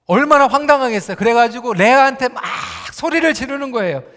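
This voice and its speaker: A male pastor preaching a sermon, telling the story in a lively way and speaking straight to the congregation. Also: extremely high pitch, fast, big-room sound. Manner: animated storytelling, addressing the congregation directly.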